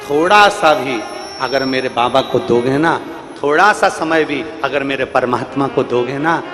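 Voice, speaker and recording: A man's voice: mid-range voice, measured pace, in a large hall. A male preacher giving a devotional sermon, repeating lines emphatically to a large gathering. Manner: repetitive emphatic exhortation. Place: large outdoor religious gathering.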